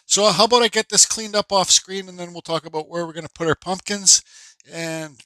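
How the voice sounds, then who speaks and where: A woodcarving instructor, congested and stuffed up, casually narrates a carving tutorial at his workshop bench, rambling with fillers and restarts. His voice sits high and sounds bright and forceful, coming fairly quickly. The recording is dry.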